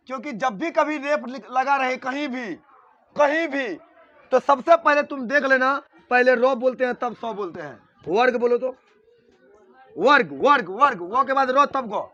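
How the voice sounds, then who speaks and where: A man gives a grammar lesson at a board in a very high voice. He speaks at an unhurried pace and says each key word more than once. He often stops to ask whether the students follow. The recording sounds dull and lo-fi. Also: bright, forceful tone. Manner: repeats key words and keeps asking if students understand. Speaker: teacher.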